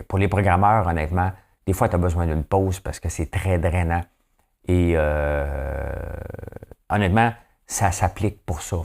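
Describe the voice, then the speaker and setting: Quebec french guy, really low voice, rambly casual news commentary, lots of rhetorical questions. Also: a little mellow. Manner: rambling, asks rhetorical questions, often tags "hein?". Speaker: host of a daily news commentary show.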